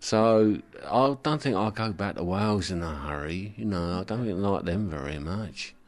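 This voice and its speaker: Low-voiced man telling jokey stories. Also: animated, moderate pace. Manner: mocking, acts out others' voices. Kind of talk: casual chat.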